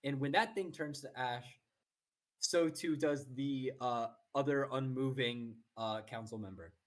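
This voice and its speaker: A man runs a tabletop game as dungeon master, taking his time and describing the fight in gory detail. He stops often with "uh" and "um" between phrases. His pitch sits in the middle range. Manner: halting, filler-heavy narration with vivid combat description.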